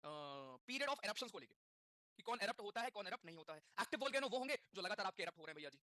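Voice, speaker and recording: A man teaching a class, talking in a quick mix of Hindi and English, repeating key terms and asking the students questions. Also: high-pitched, very animated, bright, forceful tone, no echo, studio quality. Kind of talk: classroom lecture.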